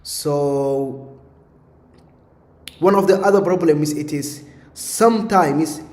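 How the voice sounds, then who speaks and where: A man's voice: on the high side, slow, darkish tone. A man streaming a live coding session, talking his instructions to an AI assistant in a rambling way, with many fillers. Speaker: streamer building AI automations. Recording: echoey room with long reverb.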